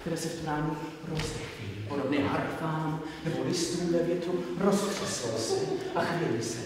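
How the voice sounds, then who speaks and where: Male actor as a pedantic lecturing professor, pitched a touch high, heard from far off on an echoey stage. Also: noisy background, natural voice. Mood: declaiming. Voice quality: theatrical, declamatory, swinging between whisper-soft and loud. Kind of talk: live theatre performance. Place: theatre stage.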